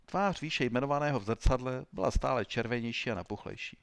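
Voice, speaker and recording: A man narrating a comic story in a wry, measured way. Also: medium pitch, expressive, vocal fry, a bit bright, smooth.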